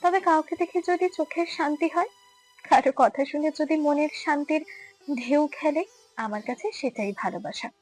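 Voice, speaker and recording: A woman voicing a shy, lovestruck young woman student, speaking softly, hesitantly and earnestly. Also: high voice, moderate pace, faint music behind, voice pushed up, close to an everyday voice, low-quality recording. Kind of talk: audiobook story reading.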